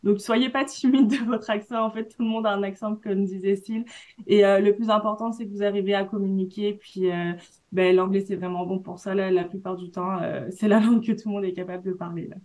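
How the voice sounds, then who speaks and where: A woman's voice: mid-range voice, little pitch movement, a little fast, a little mellow. A woman with a French accent speaking as an alumna on a panel, giving students direct, encouraging career advice. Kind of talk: panel talk, advising students.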